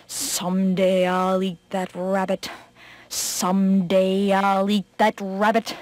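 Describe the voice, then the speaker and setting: A woman's voice: medium pitch, completely flat delivery, slow, a little mellow, no room sound, close to an everyday voice. A woman voicing a big, gullible male tiger in a storybook reading, insistent and pleading. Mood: vowing.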